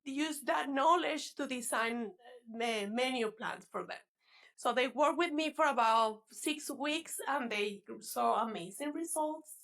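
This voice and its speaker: Guesting on a laid-back interview, a woman from Venezuela talks chattily about coaching fitness, laughing a lot and restarting words; Spanish is her native language and her accent is Venezuelan. Her voice is high-pitched and a bit bright, delivered at a measured pace.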